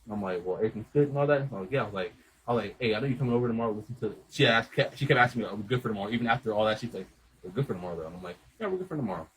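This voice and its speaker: A man telling a rambling, animated story in casual chat, swearing a lot and acting out what everyone said. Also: fairly low pitch, rapid-fire, breathy edge, low-quality recording. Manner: rambling, animated retelling with lots of swearing and quoted dialogue.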